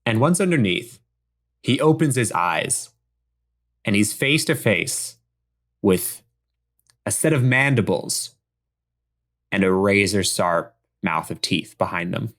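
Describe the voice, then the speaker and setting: A player narrating a comedic tabletop scene with vivid, steady storytelling. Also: low-pitched, slow pace, long pauses.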